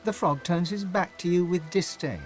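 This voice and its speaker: A man narrating a fantasy video game in the second person, with measured, dramatic storytelling. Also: sits high, soft background music, close to an everyday voice.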